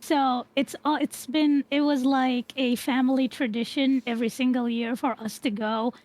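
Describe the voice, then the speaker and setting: Brief: young-sounding woman, podcast guest, hesitant and soft, fairly high voice. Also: flat delivery, normal speed. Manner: hesitant, many fillers, soft-spoken. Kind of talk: casual podcast chat.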